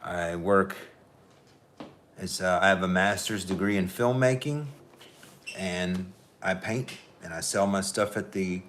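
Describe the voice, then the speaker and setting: A man's voice: sits low, steady tone, measured pace, pauses often, fairly bright tone, a little hiss or hum. A man chatting casually on a livestream as he draws, rambling and thinking aloud, now and then dropping in amateur French phrases. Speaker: artist streaming a drawing session. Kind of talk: casual livestream chat while drawing.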